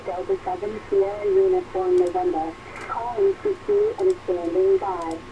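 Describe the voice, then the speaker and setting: A woman making a ham radio call from an amateur station, spelling out call signs slowly and deliberately with phonetic letters, heard through a radio receiver. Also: medium pitch, sing-song. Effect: heard over a ham radio receiver. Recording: muffled radio audio under loud static.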